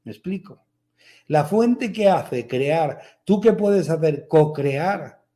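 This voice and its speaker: A man's voice: on the high side, lively intonation, slow pace, warm tone. A man giving a motivational spiritual talk, repeating his points emphatically and asking rhetorical questions. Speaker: spiritual speaker.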